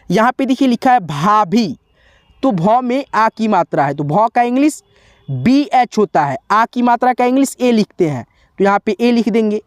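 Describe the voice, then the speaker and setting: This teacher's high voice comes through in a dry, close recording as he slowly walks through spelling on a board. Patient and repetitive, he spells letters one by one and keeps referring to his viewers as friends.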